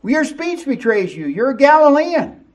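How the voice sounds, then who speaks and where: A man's voice: very high voice, big pitch swings, moderate pace, pitched above the performer's own voice. A man voicing a suspicious bystander who accuses another man. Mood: accusing.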